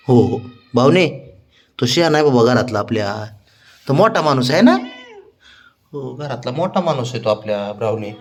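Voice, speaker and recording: A man, talking to his pets in coaxing, teasing baby talk. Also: mid-range voice. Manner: coaxing, sing-song, teasing. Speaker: pet owner vlogger.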